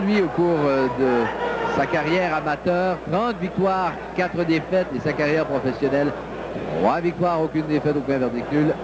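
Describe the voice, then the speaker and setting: A man with a fairly high voice hosts and calls live boxing from ringside. A loud crowd and heavy noise surround his commentary. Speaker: boxing play-by-play commentator and broadcast host. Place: ringside in an indoor arena.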